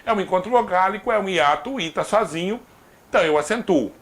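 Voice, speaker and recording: A Brazilian man with a fairly high, very animated voice teaches a grammar class. He keeps checking in with short tag questions and slips in playful asides. His delivery swings up and down as he stresses each example. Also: fast. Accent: Brazilian Portuguese. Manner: lively, repeats "tá?" to check understanding, jokes aside. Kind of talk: recorded exam-prep grammar lesson.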